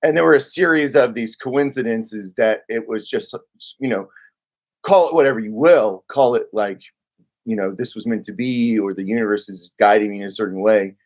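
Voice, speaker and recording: A man's voice: fairly low pitch, normal speed, a little mellow. A middle-aged man from Oklahoma, a guest writer talking in a casual conversation, rambling and correcting himself as he goes. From Oklahoma, United States. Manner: rambling, self-correcting, heavy on filler "like".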